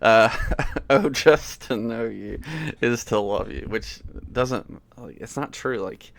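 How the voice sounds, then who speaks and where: Gravelly, amused man from the American South. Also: on the low side, slow pace, no room sound. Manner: amused, incredulous, frequent laughs and fillers. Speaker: worship music critic. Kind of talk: casual commentary reading lyrics.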